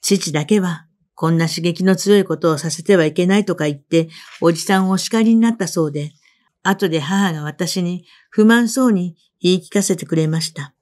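A woman narrating a literary story in the first person, in a measured reading voice. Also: on the low side, a little mellow. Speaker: reader.

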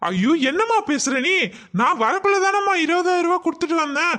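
A man's voice: very high-pitched, lively intonation, a little fast, sharp tone, exaggerated voice. A man voicing a worried young husband who keeps asking anxious questions on the phone in a cartoon. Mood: explaining. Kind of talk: cartoon voice acting.

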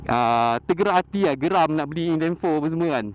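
This motovlogger, a young man with a Malaysian Malay accent, chats fast and animatedly about motorbikes, laughing a lot in his casual vlog. His pitch is fairly high and the recording is rough. He's outside next to motorbikes on a leafy park road, and wind and engine noise come through.

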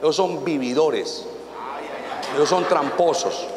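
Preacher, man, folksy and theatrical, fairly high voice, booming church reverb. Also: slow, a crowd in the background. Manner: folksy storytelling, acts out anecdotes, rising to shouted exhortation. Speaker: apostle preaching to pastors. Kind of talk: conference sermon. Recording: echoey hall reverb, faint ambience.

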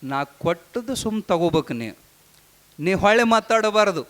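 A man voicing a revered old guru, speaking with slow paternal authority. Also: high voice, lively intonation, a bit bright. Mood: commanding. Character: revered old male guru, calm and commanding.

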